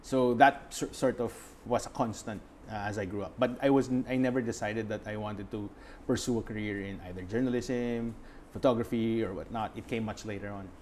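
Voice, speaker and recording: A young man, answering interview questions as a guest photographer and pausing often to find his words. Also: on the low side, fairly even intonation, darkish tone, slight background noise. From Philippines. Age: young adult. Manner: reflective, searching for words with many fillers.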